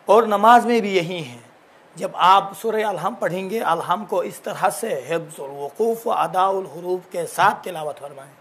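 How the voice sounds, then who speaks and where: A man with a high-pitched voice gives a religious lesson on reciting scripture. He explains each point patiently and repeats examples. He draws out sounds slowly to show how they should be pronounced. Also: a bit bright, breathy edge. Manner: drawn-out demonstration of syllables and words. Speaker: Quran recitation teacher.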